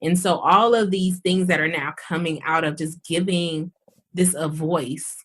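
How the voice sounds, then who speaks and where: A woman's voice: low voice, steady tone, a little slow, slight background noise. A woman doctor who is a guest on a podcast, talking candidly and casually, often laughing. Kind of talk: casual interview chat.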